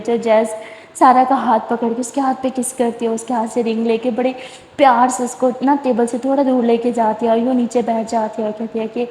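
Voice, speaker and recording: High-voiced woman narrating in an echoey room. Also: a little mellow. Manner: chatty, run-on retelling. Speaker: storyteller. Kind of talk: casual story narration. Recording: echoey room with long reverb.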